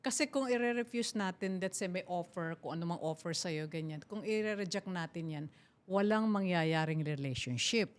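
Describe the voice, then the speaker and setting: A woman's voice: lowish voice, moderate pace. A woman hosting a talk show, commenting and agreeing in casual chat that mixes Tagalog and English.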